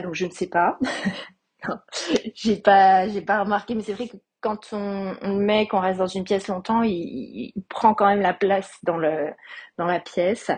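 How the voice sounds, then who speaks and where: A woman's voice: medium pitch, a little mellow, breathy edge. A woman hosting a perfume podcast, giving a casual spoken review with many hesitations and growing enthusiasm. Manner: hesitant, many fillers, enthusiastic about scents.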